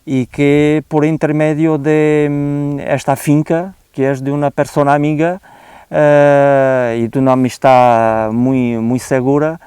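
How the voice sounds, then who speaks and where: A man with a European Portuguese accent speaks unscripted on a country estate. His voice is warm, mellow and smooth. He talks in a hesitant way, with many "eh" fillers and restarts, and mixes Spanish words into his sentences. The sound is dry and close. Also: on the high side, flat delivery, measured pace, dry recording. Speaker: guest expert on oak disease. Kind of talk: unscripted explanatory talk.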